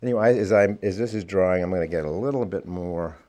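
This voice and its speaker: Low, mellow-voiced man teaching watercolour. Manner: unhurried, thinking aloud while painting. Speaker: watercolour instructor. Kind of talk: painting demonstration with commentary.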